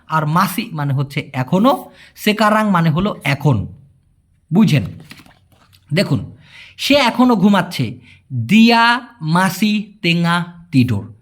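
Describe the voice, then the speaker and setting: A Bengali-speaking man teaching a casual language lesson, patiently explaining and repeating each word slowly. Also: sits high.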